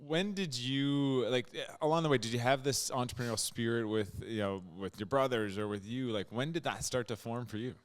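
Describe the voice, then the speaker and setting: A man hosting a podcast, chatty and quick to react with friendly comments. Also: mid-range voice. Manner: chatty, friendly interviewer who jumps in with reactions. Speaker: podcast host. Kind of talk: casual interview chat.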